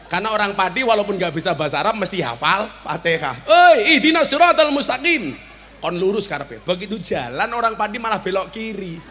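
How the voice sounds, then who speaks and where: Bright, high-pitched Javanese preacher. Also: male voice, animated, fast, few pauses. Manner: joking, banter with the audience, bursts into shouts. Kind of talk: humorous sermon at a village gathering.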